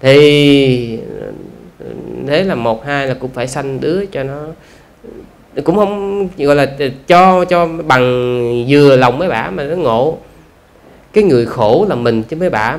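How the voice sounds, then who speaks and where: Speaking in a fairly high, expressive voice, this male monk delivers a chatty dharma talk in a Southern Vietnamese accent. He leans on rhetorical questions and stretches out "à" as a filler.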